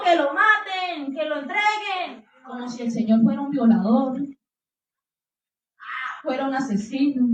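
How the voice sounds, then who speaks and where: Woman preacher, dramatic scripture retelling, high voice, distant from the mic. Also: dark tone. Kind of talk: sermon. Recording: echoey room, distant mic.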